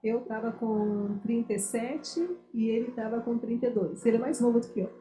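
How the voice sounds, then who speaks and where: A woman's voice: fairly high pitch, fairly even intonation, normal speed, mellow. A woman in her fifties telling a personal story in a chat, acting out the dialogue as she goes. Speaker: guest, missionary. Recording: roomy echo.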